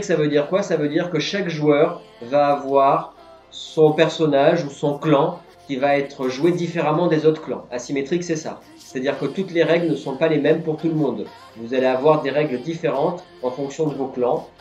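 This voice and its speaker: A man's voice: a little high, darkish tone. Male quiz host on a live stream, patient explainer, echoey room, faint music bed. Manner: patiently explains each answer. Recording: roomy, dull lo-fi sound, faint music.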